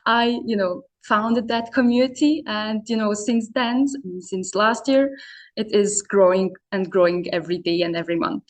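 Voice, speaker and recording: A woman's voice: medium pitch, moderate pace. Chatty woman, heavy fillers. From Serbia. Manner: hesitant, many fillers like "you know" and "um". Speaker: podcast guest, founder of an online business community. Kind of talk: casual interview conversation.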